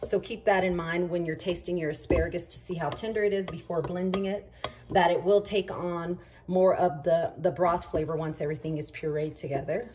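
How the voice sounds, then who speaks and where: A woman's voice: fairly low pitch, fairly even intonation, a little fast, dark tone, a little hiss or hum. A woman hosting a cooking show in her kitchen, talking through each step in an easygoing, chatty way with frequent fillers. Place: home kitchen. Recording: roomy echo, voice from a distance.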